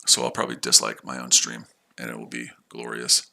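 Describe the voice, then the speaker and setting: A rumbling low, monotone voice with vocal fry and a sharp tone comes at a brisk clip. It belongs to an American man from the United States who trades on a livestream, casually rambling, repeating himself and talking with his viewers.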